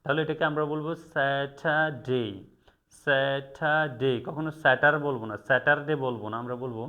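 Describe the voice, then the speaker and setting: A man teaching English in a video lesson, repeating words slowly to drill their pronunciation. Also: mid-range voice, fairly bright tone. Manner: slow and repetitive, drilling pronunciation.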